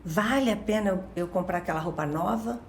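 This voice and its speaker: A woman's voice: medium pitch, fairly quick, roomy sound, a little hiss or hum. A woman with a Rio de Janeiro accent, a guest expert explaining things in casual chat with everyday examples and constant tag questions. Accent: Rio de Janeiro Portuguese. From Brazil, born in Minas Gerais.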